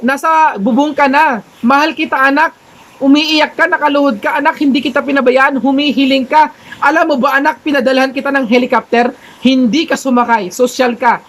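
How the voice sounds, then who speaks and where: A man voicing God as a gently scolding father. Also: very high-pitched, rough recording. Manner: patient, gently scolding, repeating "anak". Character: booming fatherly God speaking to a stubborn man.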